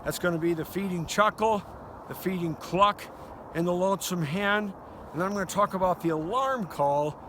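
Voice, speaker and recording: Older man, raised pitch, folksy instructor, casual outdoor lesson, noisy open-air recording. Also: normal speed. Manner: folksy, conversational. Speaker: duck calling instructor. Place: outdoors by a river. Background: outdoor noise, duck call quacks.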